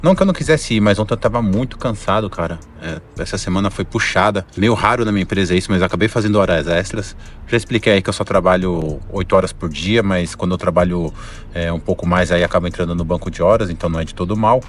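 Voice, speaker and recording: A Brazilian man hosts a casual vlog in a fairly low voice. He sounds hungover and worn-out as he explains things informally. There is clear noise behind his voice. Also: fast talker. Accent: Brazilian Portuguese. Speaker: video channel host.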